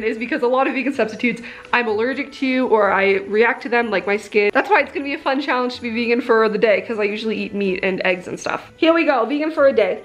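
A woman's voice: fairly high pitch, fairly bright tone, slight background noise. A woman vlogger chatting casually and upbeat in her mom's craft room, full of "like" fillers and laughs. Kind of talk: casual vlog chat with a sponsored product segment.

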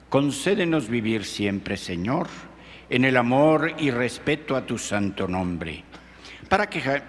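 Male priest, slow pace, solemn liturgical prayer, long church reverb, clear background noise. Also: mid-range voice. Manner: solemn, measured recitation. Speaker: priest presiding at Mass.

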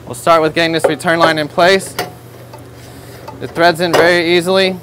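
A man's voice: a little high, little pitch movement, moderate pace, noisy background. American male host, thirties, store tutorial, instructive and upbeat, lapel mic in a showroom. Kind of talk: product demonstration tutorial.

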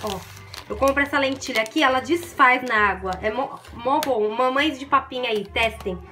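A woman's voice: sits high, normal speed, pushed and bright. A woman with a Brazilian accent, a mother chatting casually to her viewers in a home vlog while cooking and doing chores. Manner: chatty, often addresses viewers as "gente". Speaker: vlogger and mother.

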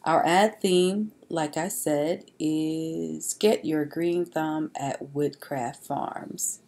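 A woman's voice: sits low, steady tone, very slow, dark tone. A woman narrating a slide presentation in an informal way, with frequent fillers and restarts. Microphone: voice-over on slides.

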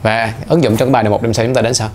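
A man's voice: mid-range voice, fairly even intonation, rapid-fire, darkish tone, slight background noise. A man teaching guitar in a casual, playful way, counting the beats aloud as he explains. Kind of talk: casual instructional talk. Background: guitar playing.

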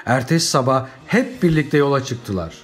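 A man narrating a children's storybook audiobook in an expressive, dramatic storytelling manner. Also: mid-range voice, normal speed, faint music behind.

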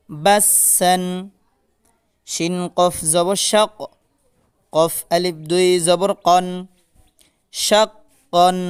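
A man's voice: high voice, darkish tone, clear, resonant tone. A man teaching Quran reading, spelling out each letter and vowel mark and then chanting the joined syllable drawn out, with short rule explanations between drills. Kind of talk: slow spelled-out Quran recitation lesson.

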